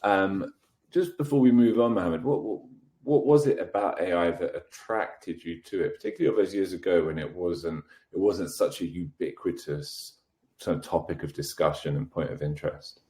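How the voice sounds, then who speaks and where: A man's voice: sits low, moderate pace, mellow. A man hosting a podcast, friendly and enthusiastic as he talks with his guest. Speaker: podcast host. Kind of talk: casual podcast interview. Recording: roomy echo.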